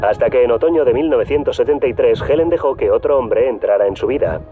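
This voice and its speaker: A man giving scripted documentary narration in a measured, even storytelling manner. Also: medium pitch. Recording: tinny phone-like audio with music bed. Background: background music.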